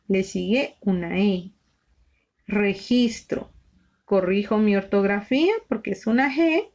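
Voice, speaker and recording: Woman, shorthand teacher, slow and patient, spells each letter out, slightly dull lo-fi sound. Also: a little high. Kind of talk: slow step-by-step lesson.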